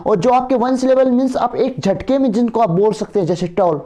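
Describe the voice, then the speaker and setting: Male grammar tutor, dark mellow voice, keeps asking "right?". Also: very high voice, brisk. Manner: asks students for agreement, repeats words. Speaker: teacher. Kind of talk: exam grammar lecture.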